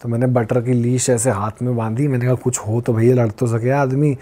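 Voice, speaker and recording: A man's voice: mid-range voice, fairly quick. A man in his twenties from Uttar Pradesh, a podcast guest telling a story casually and acting out the lines people said to him. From Uttar Pradesh, India. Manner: lively retelling that acts out quoted dialogue. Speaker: podcast guest, long-distance pilgrim walker.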